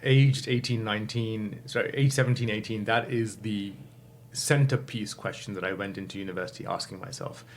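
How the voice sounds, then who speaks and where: Low-voiced guy in his 50s, thoughtful, lots of ums, faint hiss behind. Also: steady tone, fairly quick, few pauses. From England. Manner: thoughtful, many fillers, self-correcting. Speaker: guest. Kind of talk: reflective interview answers.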